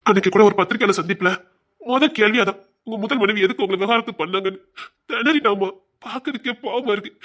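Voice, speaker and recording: A man's voice: sits high, a bit bright. An actor playing a protective elder brother who soothes his family with repeated endearments, speaking with a Tirunelveli Tamil accent. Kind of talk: web serial acting.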